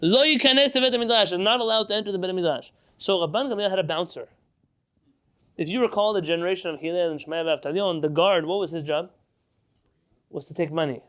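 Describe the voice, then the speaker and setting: A man's voice: sits high, fast, a bit bright, clear, resonant tone. A man teaching a Talmud class, explaining step by step and asking and answering his own questions.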